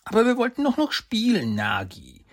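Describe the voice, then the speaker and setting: A man voicing a timid little boy, pleading in a high, childlike voice while telling a story. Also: sing-song, moderate pace, slightly rough, no room sound, clean studio sound, exaggerated voice. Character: timid little boy, anxious younger brother.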